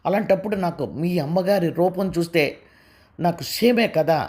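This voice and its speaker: A woman voicing a sharp-tongued, proud young wife who talks in a raised, cutting way. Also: on the low side, moderate pace, natural voice. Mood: scornful.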